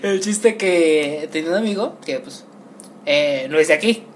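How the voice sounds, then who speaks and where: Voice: mid-range voice, a little slow. A speaker with a Mexican Spanish accent in casual crude banter, laughing along. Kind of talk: casual chat. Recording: faint background noise.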